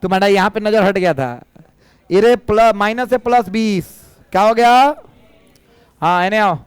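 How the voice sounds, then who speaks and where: A male physics teacher with a Bihari Hindi accent, a little hoarse, teasing and coaxing his students to answer in a live classroom lecture. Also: sits high, normal speed, no echo.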